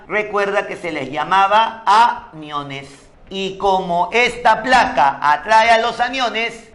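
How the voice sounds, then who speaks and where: A man's voice: high voice, a bit bright. A man, teaching an exam-prep chemistry lesson, who asks and answers his own questions and drills memory tricks by repetition.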